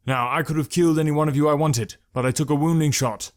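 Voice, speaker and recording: A man voicing a calm, curt young male archer in an audiobook, speaking dry and clipped. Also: medium pitch, quick pace, no echo, voice pushed up, lightly acted. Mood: commanding. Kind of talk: audiobook character voice.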